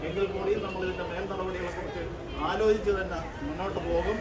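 A man's voice: high-pitched, flat delivery, fast. Hesitant man addressing a protest gathering. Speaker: association secretary. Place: outdoor street protest. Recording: roomy, distant outdoor recording, loud crowd noise.

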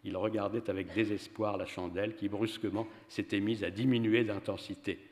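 A man giving a measured, expressive public reading of a story at a literary event. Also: on the low side. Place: venue hall for a public reading. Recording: reverberant hall.

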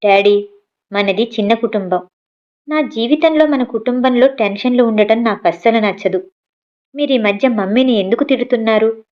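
A woman's voice: on the high side, moderate pace, muffled recording, natural voice. A woman reading an audio story voices a college-age daughter who talks earnestly and stands her ground. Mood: firm.

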